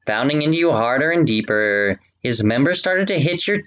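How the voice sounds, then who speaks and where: Reader, male, stumbling, giggly, mid-pitched voice, mock-dramatic read-through. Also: animated, moderate pace, a bit bright, highs cut off. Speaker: reader of fan fiction for friends. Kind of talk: mock-dramatic reading with laughter.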